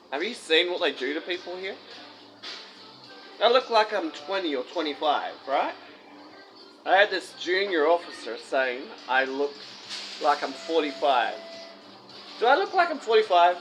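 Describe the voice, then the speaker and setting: A man's voice: fairly high pitch, fairly bright tone, poor audio. Rambling man eating and complaining. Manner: rambling, complaining, laughs often, talks with mouth full. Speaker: vlogger. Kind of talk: casual chat to camera. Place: fast food restaurant. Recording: music playing in the background. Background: background music.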